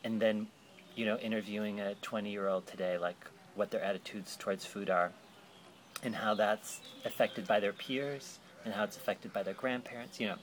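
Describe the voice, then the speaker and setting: Low-voiced man explaining a project. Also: fairly even intonation, normal speed, slight background noise. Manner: thoughtful, rambling explanations with fillers. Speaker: interviewer. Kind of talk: explaining a book project in an interview.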